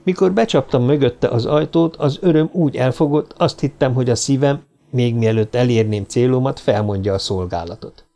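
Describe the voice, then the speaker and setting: A man's voice: mid-range voice, warm tone. Dramatic male audiobook narrator. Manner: theatrical, swelling into vengeful outbursts in quoted lines.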